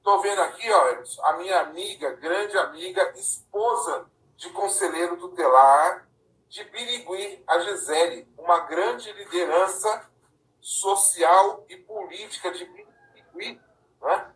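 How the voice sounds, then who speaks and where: A man from Paraná hosts a casual live-stream chat, his slightly high voice sitting back from the mic in an echoey room. He talks conversationally and keeps checking in with the listener through tag questions. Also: measured pace, a bit bright, far from the mic. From Paraná, Brazil. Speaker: live-stream host and councilors' association president.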